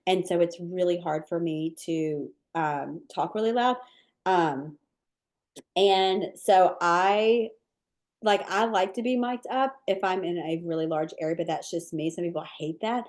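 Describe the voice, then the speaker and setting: A cookie decorating teacher answers viewer questions in a live webinar. She has a low voice and an unhurried delivery, chatty and relaxed, with plenty of ums and likes.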